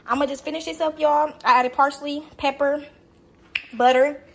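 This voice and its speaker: A young woman with a high voice chats casually with viewers, calling them y'all, as she cooks in her home kitchen, her phone propped on the counter to film. She speaks at a moderate pace with fairly even intonation and chants while she works in this cooking vlog.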